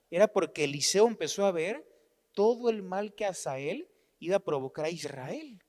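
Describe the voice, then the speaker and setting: A man with a Mexican Spanish accent preaching a sermon, telling the story in an animated way and acting out the dialogue. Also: high-pitched. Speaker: pastor. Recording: long hall reverb.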